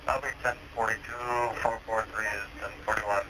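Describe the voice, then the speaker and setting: A man's voice: lowish voice, level tone, normal speed. A man speaking in terse radio codes, heard over a police radio. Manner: terse radio code talk. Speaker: officer on the radio. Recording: distant noisy radio transmission.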